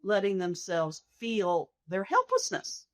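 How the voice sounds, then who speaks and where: An older woman, a hospice nurse, answering interview questions reflectively in a soft, slow, thoughtful, measured manner. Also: medium pitch, wildly swooping pitch, no echo, clean studio sound.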